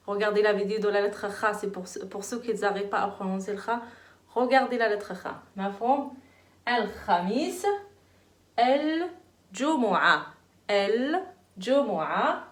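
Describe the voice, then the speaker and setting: A young woman, giving a children's lesson in a playful, animated, encouraging way. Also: mid-range voice. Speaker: teacher. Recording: echoey room.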